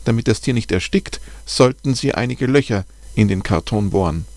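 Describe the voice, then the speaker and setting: A man voicing a calm, helpful female bat expert who gives careful instructions in a raised voice, reading a storybook. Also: lowish voice, moderate pace, dry recording, voice pushed up. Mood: instructive.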